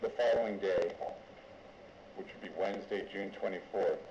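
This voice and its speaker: A man questioning a witness as a lawyer in court, deliberate and halting, going step by step. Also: deep voice, steady tone, a little mellow. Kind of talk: formal courtroom examination. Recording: echoey, dull courtroom audio with noise.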